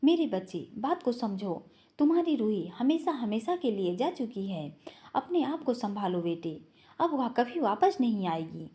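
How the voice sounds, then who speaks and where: A woman voicing a sorrowful middle-aged mother, gently and tearfully consoling her son. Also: fairly high pitch, big pitch swings, measured pace.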